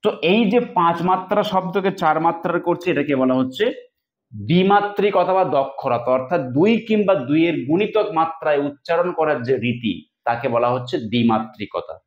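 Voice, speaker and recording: A fairly high-voiced man gives an exam-prep lecture, breaking words into syllables and repeating them slowly. The sound is dull and lo-fi, with a roomy echo around him. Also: animated. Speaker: teacher. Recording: echoey, dull lo-fi room sound.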